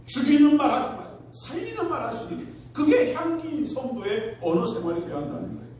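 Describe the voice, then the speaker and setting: Animated man preaching in an echoey church. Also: very high-pitched, quick pace. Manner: storytelling, acts out quoted voices, rising to emphatic peaks. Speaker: pastor. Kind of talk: sermon. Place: church sanctuary. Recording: echoey hall from far off, faint room noise.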